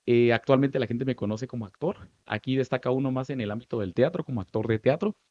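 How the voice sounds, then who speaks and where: Guatemalan man telling animated stories. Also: mid-range voice, fast, no echo, muffled recording. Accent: Guatemalan Spanish. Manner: animated, lively storytelling with many asides. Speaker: guest, stage actor. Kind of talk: storytelling interview answers.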